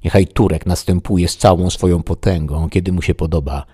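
Audiobook: man reads elderly self-important knight, very deep, dark, husky, solemn declaiming. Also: steady tone, a little fast, no echo, clean studio sound. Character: elderly deluded knight-errant, grandly earnest. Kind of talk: audiobook reading.

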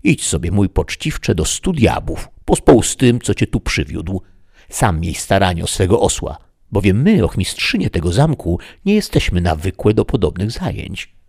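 A man's voice: sing-song, normal speed, gravelly, darkish tone, husky, exaggerated voice. A man reading aloud, voicing a haughty, indignant older woman who serves as a castle duenna. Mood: scolding. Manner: shrill, scolding, haughty.

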